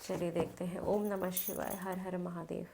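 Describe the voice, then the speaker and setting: Her voice is lowish, level, warm, and moderately paced, with some vocal fry and a faint hiss or hum on the recording. She is a tarot reader from North India with a cold and blocked nose, chatting casually to the camera, repeating phrases and chanting between cards.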